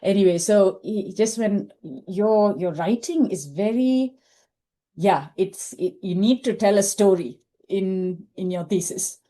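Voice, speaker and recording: A middle-aged Indian woman whose first language is Tamil reflects on her career as a podcast guest, speaking thoughtfully with frequent fillers and restarts. Her medium-pitched voice is slow and mellow.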